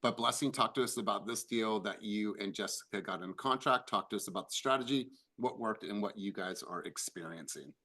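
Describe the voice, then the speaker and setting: Bright-voiced man hosting a team call. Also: on the low side, a little fast, few pauses. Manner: upbeat, congratulatory. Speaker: team meeting host. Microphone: video call.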